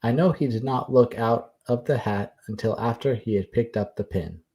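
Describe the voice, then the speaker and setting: A man voicing a 19th-century man who gives a sworn account, read slowly and in a measured way. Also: mid-range voice, warm tone, pitched below the performer's own voice, lightly acted. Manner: slow, measured reading.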